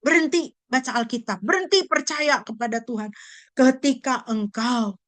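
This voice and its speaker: A woman pastor preaching a sermon, animated and full of rhetorical questions. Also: sits high, normal speed, dry recording. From Indonesia.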